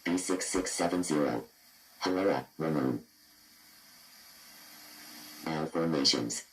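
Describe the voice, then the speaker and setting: In a slow bass voice with slight background noise, a man plays a cold, clinical computer system. He reads horror patient files aloud in clipped, impassive fragments, like a scripted horror database readout.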